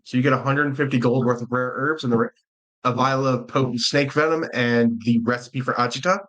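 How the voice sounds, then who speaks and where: A man running a tabletop game as dungeon master, chatty and quick, laughing often. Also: mid-range voice, fairly even intonation, a bit bright, poor audio.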